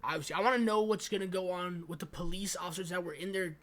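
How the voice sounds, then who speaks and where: Slangy and profane, this young American podcast co-host keeps the chat casual. He has a high, slightly bright voice and talks fast.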